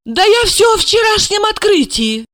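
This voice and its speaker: A woman voicing a naive, excitable young housewife in an audiobook, with childlike delight. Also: extremely high pitch, normal speed, dry recording, clean studio sound, voice pushed up, heavily acted. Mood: excited. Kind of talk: audiobook character reading.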